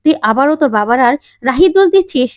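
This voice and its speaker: A woman's voice: high-pitched, fairly quick, no room sound, natural voice. A woman voicing a young daughter who defiantly accuses her family of ruining her life. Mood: bitter. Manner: accusing, pleading.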